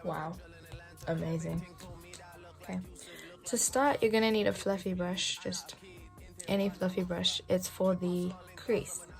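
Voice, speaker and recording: A young woman in her early twenties talks through a makeup tutorial in a relaxed, chatty way, often dropping to a soft half-whisper. Her voice sits fairly low and has a noticeable vocal fry. Faint music plays quietly behind her. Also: a little slow, long pauses. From England. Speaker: beauty vlogger. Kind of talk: casual makeup tutorial chat.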